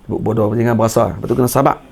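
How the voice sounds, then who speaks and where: A male religious teacher with a Malaysian Malay accent and a gravelly voice. He reads Arabic text slowly and carefully, then explains it to his students in loose everyday speech, joking as he goes. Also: fairly low pitch, fairly even intonation, a little mellow, slight background noise. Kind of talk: kitab study lecture.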